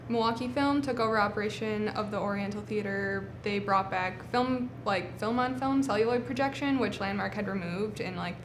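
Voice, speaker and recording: A woman's voice: mid-range voice, roomy sound, background noise. A woman in her late twenties, a cinema technical manager, talking casually in a documentary interview with lots of filler words. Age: 20s. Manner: casual, relaxed, frequent "like" fillers. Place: historic movie theater.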